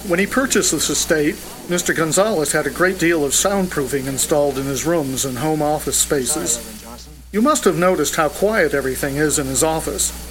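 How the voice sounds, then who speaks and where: A man's voice: on the high side, natural voice, rough recording. A man playing a stiff, formal personal aide. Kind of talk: audio drama acting.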